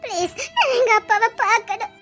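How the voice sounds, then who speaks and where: An actress playing a desperate young woman in a TV serial, sobbing, pleading and shouting to see her lost father. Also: extremely high pitch, brisk, soft background music. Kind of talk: tearful TV serial acting.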